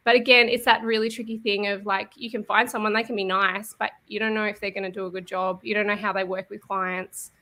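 A woman's voice: medium pitch, little pitch movement, fairly quick, hardly any pauses, bright, forceful tone. A woman, a web designer, talking casually in a panel chat, with many fillers.

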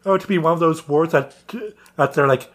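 A man hosting a casual podcast, pitching his story characters with many pauses and fillers. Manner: animated, halting, with many fillers. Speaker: podcast host presenting his story idea. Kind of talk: casual chat.

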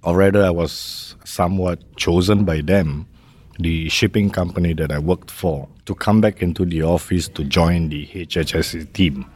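A middle-aged man from Malaysia, speaking in a measured, conversational way as an interview guest and often tagging his sentences with "right?". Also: low-pitched, steady tone, a little mellow. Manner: measured, uses fillers like "how you say" and "right?". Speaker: guest, maritime safety executive.

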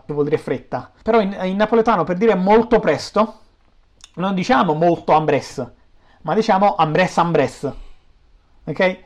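A man from Naples with a Neapolitan accent, explaining language in an informal interview, teaching through examples. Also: a little high. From Naples, Italy.

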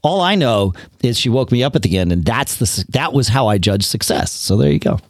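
A man's voice: lowish voice, animated, brisk, dry recording, studio quality. A man co-hosting a podcast in casual chat, often repeating words as he starts his sentences. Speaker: podcast co-host.

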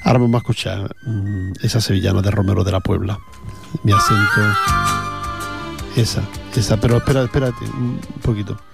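Loud music plays under a brisk, creaky, lowish male voice that keeps a steady tone. With an Andalusian Spanish accent, he rambles chattily as a radio host between songs, using many fillers and repeated words.

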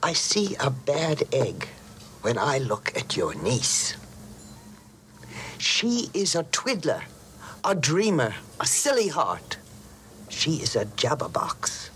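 An actress playing a stern, disapproving school principal who lectures slowly and scornfully in a film scene. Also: female voice, low voice, sing-song, fairly bright tone, a little hiss or hum, heavily acted. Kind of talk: film dialogue.

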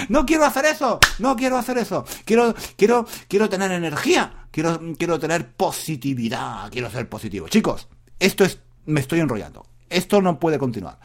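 Middle-aged guy rambling on his learner podcast, highish voice, hyped up, laughs a lot. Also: fairly quick. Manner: energetic, repetitive, laughs often. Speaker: podcast host, Spanish teacher. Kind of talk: casual monologue to learners.

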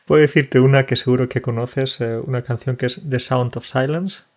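A man's voice: mid-range voice, steady tone, darkish tone. Reflective man co-hosting. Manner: reflective, measured and clearly spoken. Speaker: podcast co-host. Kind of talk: casual podcast chat.

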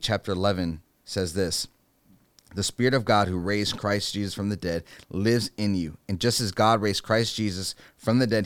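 Casting note: man, very low smooth voice, earnest youth minister delivering a podcast devotional, dry close sound. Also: no room sound. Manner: earnest, preacherly, peppers with "right?".

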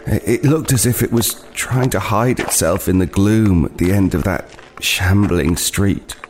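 Against a noisy background, a man with a fairly low, natural voice performs a weary, wary homeless character in an audio play. His first-person account of something unsettling comes out halting and haunted, full of repeated words, and the mood is uneasy and ominous.

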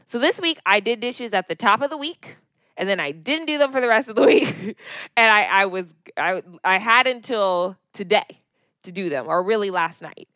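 A young adult woman co-hosting a casual podcast, telling a story in an animated, emphatic and exasperated way. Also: medium pitch, normal speed, dry recording, studio quality. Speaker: podcast co-host. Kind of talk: casual chat.

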